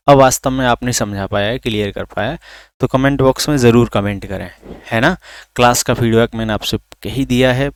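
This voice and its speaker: एक आदमी, जो रिकॉर्ड की गई ऑनलाइन क्लास पढ़ाता है, खुद सवाल पूछकर खुद जवाब देता है और स्वरों को खींचकर बोलता है।. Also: male voice, medium pitch, smooth, dry recording, studio quality. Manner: asks questions then answers them himself; drags out vowels to demonstrate. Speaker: teacher. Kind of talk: recorded online lesson.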